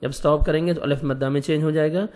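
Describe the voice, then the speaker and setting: Man, Quran recitation teacher, patient letter-by-letter explanations, slow melodic chanting, fairly high voice, long hall echo. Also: steady tone, a little mellow. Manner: patient, step-by-step letter instruction; drawn-out melodic recitation of verses. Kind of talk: tajweed lesson, slow recitation between explanations.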